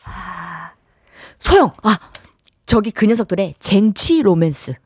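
A woman playing a radio quiz, excitedly calling out her answers. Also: medium pitch, takes it slowly, slightly rough, dry recording, studio quality. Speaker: quiz contestant. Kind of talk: radio quiz show banter.

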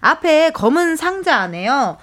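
A bubbly woman hosting a radio show, teasing her guest with quick reactions. Her voice sits a little high and swings widely, recorded dry and close in the studio. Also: very animated, a bit bright, no room sound. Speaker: radio host. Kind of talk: casual radio chat.

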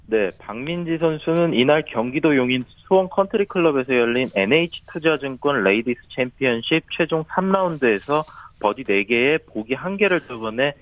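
A man's voice: medium pitch, expressive, normal speed, hardly any pauses, no room sound, low-quality recording. A man giving a formal scripted golf report in a golf commentator's manner, stumbling now and then. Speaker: sports newspaper reporter, golf correspondent. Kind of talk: scripted golf news report, play recap.

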